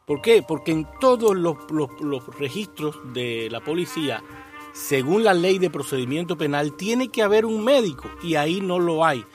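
Un hombre copresentador de un programa de charla, bromista y teatral, con acento cubano. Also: male voice, a little high, animated, moderate pace, faint music behind. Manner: joking, theatrical, flirtatious. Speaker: co-host. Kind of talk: playful talk show banter.

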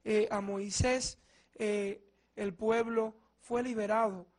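High-pitched male priest at Mass. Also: fairly even intonation, slow pace. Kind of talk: Gospel reading and homily.

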